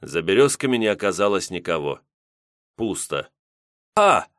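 A man narrating an audiobook in a measured storytelling manner. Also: low-pitched, fairly bright tone, no room sound, studio quality.

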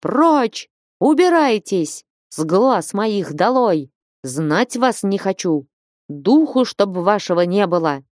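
A woman voicing a stern, hot-tempered old peasant father who shouts and thunders in a storybook reading. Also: fairly low pitch, very animated, slow pace, dry recording, clean studio sound. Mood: furious shouting.

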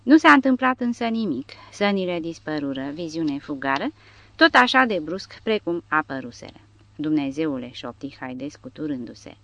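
A woman narrating an audiobook with a steady, dramatic reading. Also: low-pitched, no echo. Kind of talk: scripted narration. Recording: dry, dull lo-fi recording.

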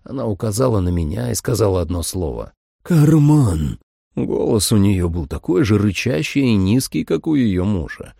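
Male audiobook narrator, gravelly and mellow, animated delivery. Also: fairly low pitch, brisk, hardly any pauses, dry recording, clean studio sound. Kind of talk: first-person audiobook narration.

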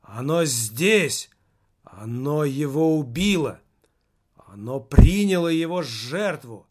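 An ecstatic male singer calling out in awe, as a male reader voices him. His exclamations are loud, slow and fervent. It is an audiobook reading. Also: on the high side, lively intonation. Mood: exalted.

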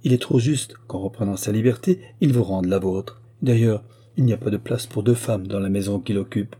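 A man reading a calm, kindly old prince. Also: on the low side, normal speed, slightly rough. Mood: calm authority. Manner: even, quietly commanding delivery. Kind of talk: audiobook character reading.

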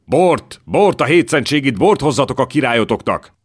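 A man's voice: low-pitched, lively intonation. A male narrator voicing an old king who is anxious and bitter, raising his voice sharply in his orders. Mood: furious. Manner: raises his voice sharply in his outbursts.

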